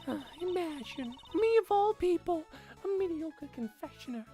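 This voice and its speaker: A woman's voice: very high voice, expressive, normal speed, mellow, soft background music, pitched above the performer's own voice. A woman voicing a demure, devoted young woman with an old-time Hollywood accent and a prim, genteel manner.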